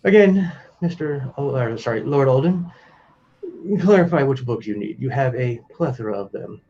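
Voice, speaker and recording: A man's voice: mid-range voice, animated, moderate pace, warm tone, far from the mic, natural voice. A man doing a stiffly polite, annoyed maid. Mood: curt. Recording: dull lo-fi with faint music.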